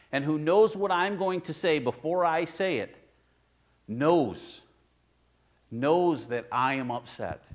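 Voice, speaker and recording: A male pastor giving a sermon in his own church, talking to the congregation like a conversation. He pushes some phrases out loud and high, then drops to near-quiet asides. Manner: conversational preaching, swings between loud emphasis and quiet asides.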